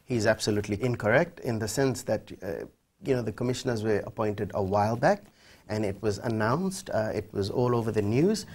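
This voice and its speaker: A man's voice: lowish voice, animated, brisk, darkish tone. A middle-aged man with a Fiji Indian accent, giving emphatic, articulate interview answers in formal language in a TV studio. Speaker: human rights official, interview guest. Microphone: lapel mic.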